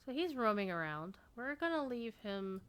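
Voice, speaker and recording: A woman's voice: on the high side, very animated, moderate pace, fairly bright tone, clear, resonant tone. A woman casually commenting as she plays an online game, chatty and joking. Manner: chatty and joking, talks to herself while playing. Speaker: streamer playing an online game.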